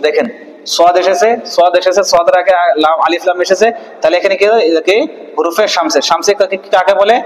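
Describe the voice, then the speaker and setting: Male Quran teacher, high-pitched, patient drilling style, slow chanted recitation, reverberant room. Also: fairly even intonation. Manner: asks questions and answers them himself, spells syllables slowly. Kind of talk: online Quran reading lesson.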